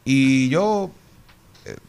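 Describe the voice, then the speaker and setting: A man's voice: mid-range voice, lively intonation, drawn-out words, creaky, a little mellow, smooth. A Dominican man, a politician, arguing his points at length and earnestly on a radio talk show. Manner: earnest, speaks in long reasoned points. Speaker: politician guest.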